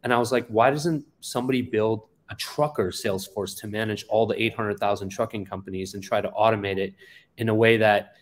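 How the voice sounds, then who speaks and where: His voice lowish and his tone steady, an Afghan founder in his forties talks at a fairly quick clip as a guest, telling his background story with many ums and uhs. The interview takes place over a video call, captured by a webcam in an office indoors.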